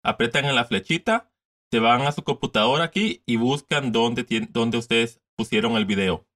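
Bright-voiced man walking through a screen tutorial. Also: mid-range voice, animated, normal speed. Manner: casual, repetitive step-by-step explaining, mixes in English words. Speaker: tutorial host.

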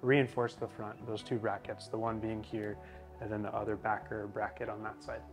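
Young man, casual how-to host, relaxed explainer, garage setting, faint music behind. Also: fairly low pitch, normal speed. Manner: relaxed, explanatory, many fillers. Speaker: product installer. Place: indoor garage.

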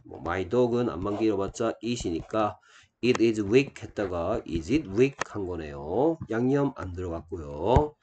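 A man teaching an English grammar lesson step by step, asking rhetorical questions and slowing down to model sample sentences. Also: on the low side, darkish tone.

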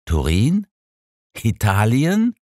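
Man acting out an older male doctor, indignant, stubborn, huffy, audiobook dialogue, lively swooping pitch. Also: extremely slow, dry recording, clean studio sound, heavily acted. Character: stubborn, easily offended older male doctor, loyal dog lover.

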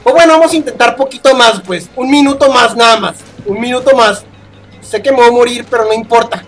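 High-pitched Mexican gamer shrieking in panic. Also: male voice, fairly quick, soft background music. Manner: shrieks in panic and swears constantly. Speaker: gaming youtuber. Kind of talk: horror gameplay commentary.

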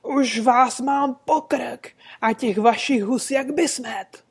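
A woman's voice: high-pitched, husky, voice pushed up. A woman reading an audiobook, voicing a furious, burly male market goose dealer who bellows coarse colloquial insults.

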